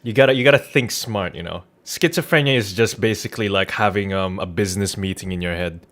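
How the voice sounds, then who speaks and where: Talking fast in a lowish, slightly bright voice, a male game streamer rambles through his livestream with irreverent jokes and casual cursing. Background music plays, and he uses a Rode NT1-A studio condenser microphone.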